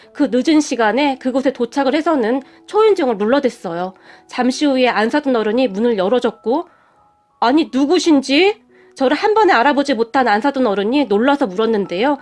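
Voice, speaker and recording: Brief: high-pitched woman storyteller, dramatic, emotional scripted narration. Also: animated, fairly quick. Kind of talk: scripted first-person narration.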